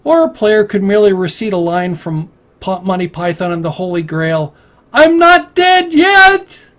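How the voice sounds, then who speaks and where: Man reading a measured explainer. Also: sits high, darkish tone. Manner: measured, read-aloud delivery with occasional restarts. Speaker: video creator explaining a game. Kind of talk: scripted explanatory narration.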